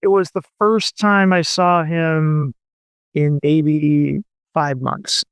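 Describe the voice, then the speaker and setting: In a casual radio interview, a male novelist in his forties rambles with lots of fillers and restarts. His fairly high voice is smooth and flat, delivered slowly with no room sound.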